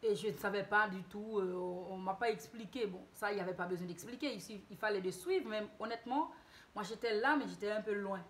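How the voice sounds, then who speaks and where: A woman's voice: mid-range voice, a little fast. A woman from Haiti telling a casual story-time tale to her channel, hesitant, with many restarts and self-corrections.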